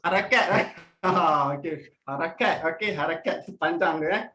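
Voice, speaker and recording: This public speaking trainer, a young man from Malaysia, runs a virtual workshop for students, speaking at a moderate pace through a video call mic. His manner is animated and joking, and he varies his pitch to model intonation.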